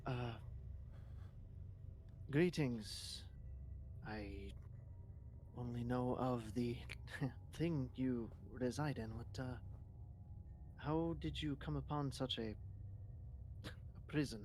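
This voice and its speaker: A man's voice: mid-range voice, takes it slowly, pauses often, a little mellow, slight background noise. A man playing a tabletop game, talking casually and tentatively as he thinks aloud, with faint music behind him. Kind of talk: casual improvised game talk.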